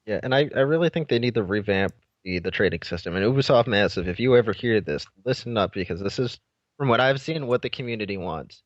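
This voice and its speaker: Low-voiced young man, dull dry mic. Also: expressive, quick pace, no echo. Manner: opinionated, many fillers and restarts. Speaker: podcast co-host. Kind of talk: casual gaming chat.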